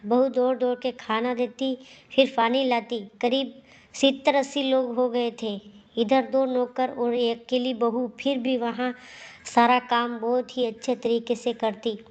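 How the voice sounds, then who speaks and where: Slow, even-voiced woman storyteller. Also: fairly high pitch, lo-fi sound. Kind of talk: scripted story narration.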